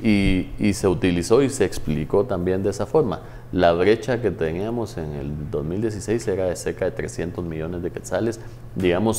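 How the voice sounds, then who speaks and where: A man speaks low and mellow in a TV studio interview. He explains things in a measured way, pausing often on hesitant fillers. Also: a little hiss or hum. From Guatemala. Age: 30s. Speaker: guest, former tax agency head.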